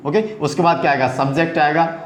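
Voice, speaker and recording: A man's voice: a little high, a little fast, echoey room. A man teaching English grammar in Hindi, explaining step by step and asking himself rhetorical questions along the way. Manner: keeps asking rhetorical questions, repeats key words.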